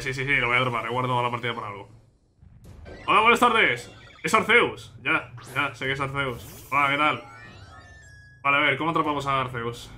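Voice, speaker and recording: Excitable Spanish gamer, very bright voice. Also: male voice, mid-range voice. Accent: Spain Spanish. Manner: chatty, talks to himself and viewers while playing, bursts of excitement. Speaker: gaming channel host. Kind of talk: casual let's play commentary.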